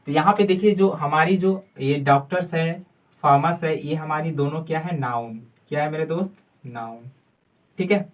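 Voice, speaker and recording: Man teaching from some distance off. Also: fairly high pitch. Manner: explains while writing, asks and answers own questions, spells words letter by letter; calls the viewer "my friend". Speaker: English teacher. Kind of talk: whiteboard grammar lesson.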